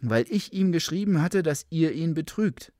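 A cowardly, scheming nobleman in a spoken legend, done by a man reading aloud. He answers in nervous, defensive bursts and his voice rises higher than the narration. The sound is dry and close. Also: animated, normal speed, warm tone, no echo, close to an everyday voice.

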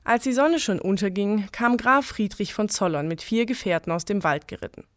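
Woman calmly narrating a legend. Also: medium pitch, moderate pace, no echo, clean studio sound. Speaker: storyteller.

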